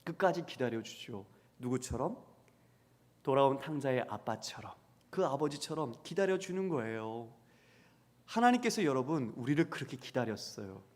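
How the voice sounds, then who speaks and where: A man's voice: mid-range voice, lively intonation, normal speed. A man preaching as a pastor who asks the congregation questions and acts out the voices he quotes. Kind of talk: sermon. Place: church sanctuary. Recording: long church hall reverb.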